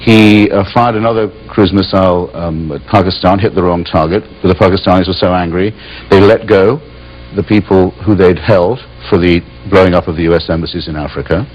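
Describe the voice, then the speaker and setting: A man speaking as a talk show panel guest, sardonic and cutting in a measured way. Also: low-pitched, fairly even intonation, darkish tone, lo-fi sound. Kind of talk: heated political debate.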